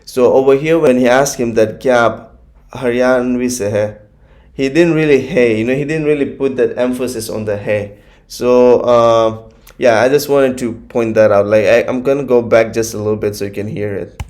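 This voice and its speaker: This YouTube reaction host is a man whose first language is Gujarati, speaking at a normal speed with a steady, medium-pitched, slightly mellow voice. He chats casually through his commentary, nitpicking and using plenty of fillers.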